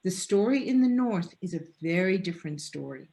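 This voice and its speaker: A woman professor, appearing as a guest speaker on an online panel, answers a question over a video call in an earnest, discursive, lecture-style way, with restarts. Her voice is on the low side, warm and creaky, with lively intonation and a fairly quick pace.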